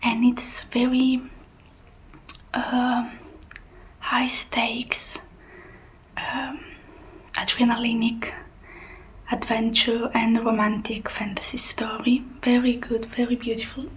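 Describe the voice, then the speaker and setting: Whispered role-play, woman as a hushed librarian. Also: a little high, little pitch movement, slow, pauses often, a little hiss or hum, low-quality recording. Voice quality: breathy, unvoiced whisper. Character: helpful soft-spoken female librarian suggesting books.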